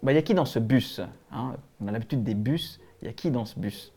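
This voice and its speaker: A man's voice: mid-range voice, animated, fast, gravelly, warm tone, slightly rough. A man with a Swiss French accent hosting a live-stream talk show, rambling with many fillers. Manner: rambling, hesitant, lots of fillers. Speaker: host.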